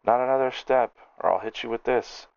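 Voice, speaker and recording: A man's voice: mid-range voice, fairly quick, vocal fry, darkish tone, clean tone, dull audio, pitched above the performer's own voice, lightly acted. A man voicing a cranky male gnome alchemist who rants and snaps in furious tirades. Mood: snappish, blustering.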